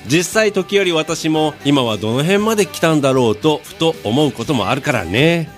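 A man hosting a casual request show, chatting in a friendly way and filling pauses with drawn-out hesitations. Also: medium pitch. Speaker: radio-style show host. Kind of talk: casual chat reading listener requests.

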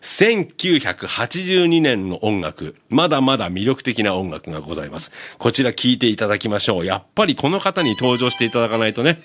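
Lively joking man hosting radio. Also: medium pitch, fairly quick, few pauses. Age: 50s. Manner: jokey, laughs often, lively teasing. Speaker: radio host. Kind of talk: casual radio chat reading listener mail.

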